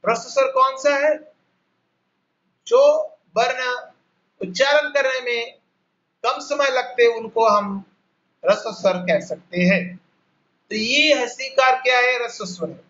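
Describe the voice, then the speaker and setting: High-voiced Bengali-accented man teaching online. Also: bright, forceful tone, muffled recording. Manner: slow, repetitive explaining, spelling out each sound. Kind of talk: online class lesson. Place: home, on a video call. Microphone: laptop mic on a video call.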